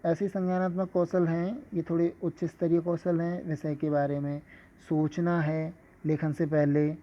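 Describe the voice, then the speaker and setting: Guy teaching a lesson, measured and explanatory, bit high voice, dull lo-fi sound. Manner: measured, explanatory, with occasional fillers. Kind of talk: scripted lesson lecture. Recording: dull lo-fi recording.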